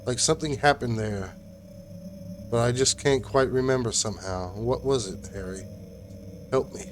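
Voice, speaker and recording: A man reading the lines of a frightened young woman nurse, quietly and unsteadily. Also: medium pitch, moderate pace, music in the background, lightly acted. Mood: scared.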